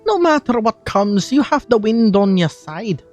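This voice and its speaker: A man's voice: high-pitched, very animated, unhurried, darkish tone, faint music behind, voice pushed up. A man voicing a breezy young male bard from a game with a put-on Scottish accent, theatrical and sing-song. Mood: reassuring. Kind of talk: fan voicing of game dialogue.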